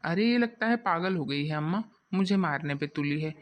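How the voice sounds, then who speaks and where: A woman voicing a stingy, grumpy village husband in a cartoon, gruff and dismissive. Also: on the low side, lively intonation, normal speed, no room sound, close to an everyday voice. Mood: grumbling. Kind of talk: cartoon voice acting. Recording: dull lo-fi dry audio.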